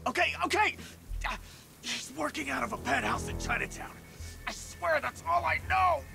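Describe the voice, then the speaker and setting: High-pitched, gravelly, strained thug. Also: male voice, expressive, moderate pace, exaggerated voice. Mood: panicked. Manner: strained, pleading and shouting. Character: defiant, terrified thug under interrogation. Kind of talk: video game voice acting. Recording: game music behind.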